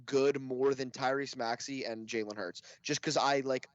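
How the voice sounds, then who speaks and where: A man's voice: mid-range voice, steady tone, normal speed, no echo. Rambling man with a dull lo-fi mic. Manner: rambling, heavy use of "like". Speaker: podcast co-host. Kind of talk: casual sports banter.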